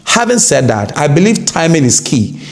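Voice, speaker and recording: A Ghanaian-accented man talks through the news in a vlog, stating his take firmly. His voice sits a little high and has a gravelly rasp. He hammers points home by saying key words again and again. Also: very animated, moderate pace. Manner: emphatic, repeats key words for stress. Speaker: news commentator. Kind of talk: opinionated news commentary.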